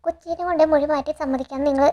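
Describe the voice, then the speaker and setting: Woman reading scheming persuader, young woman, quick high delivery. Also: fairly even intonation, mellow, dull audio, lightly acted. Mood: persuasive.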